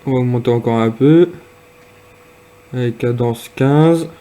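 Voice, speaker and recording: A man casually demonstrating and reviewing a piece of gear, speaking hesitantly with frequent pauses and fillers. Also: medium pitch, dark tone. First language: French. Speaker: product reviewer.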